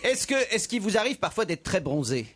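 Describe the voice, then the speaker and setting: A man's voice: sits high, big pitch swings, fairly quick, a bit bright. A man on a radio game show panel, thinking aloud and hesitating as he restarts his questions. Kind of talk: casual panel chat.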